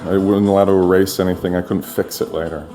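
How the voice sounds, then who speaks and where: A middle-aged man, an artist, telling personal stories in a relaxed, chatty way with many fillers, recorded in his studio. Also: low-pitched, fast, soft background music. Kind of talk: casual personal storytelling. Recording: roomy studio echo.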